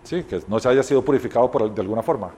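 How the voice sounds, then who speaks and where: A man's voice: medium pitch, rapid-fire, a little mellow. A man teaching a Bible study, explaining scripture step by step and sometimes correcting himself mid-sentence. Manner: explanatory, retells scripture scenes with voiced dialogue; occasional self-corrections.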